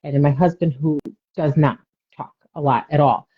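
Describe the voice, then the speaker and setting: A woman with a lowish voice rambles through a relaxed conversation, filling her talk with "you know" asides. The sound is muffled and lo-fi, like a webcam mic on a video call. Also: normal speed, slightly rough. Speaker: podcast co-host. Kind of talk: casual chat. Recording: dull lo-fi sound.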